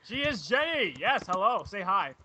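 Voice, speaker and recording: A young man hosting a casual podcast, loud, crude and giggly as he introduces each guest. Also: sits high, sing-song, moderate pace, a little hiss or hum. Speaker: podcast host. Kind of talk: casual chat.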